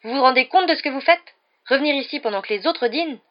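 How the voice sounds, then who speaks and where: A woman's voice: fairly high pitch, animated, quick pace, dull audio, voice pushed up. A woman voicing a stern, pompous teenage boy prefect who scolds indignantly. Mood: scolding.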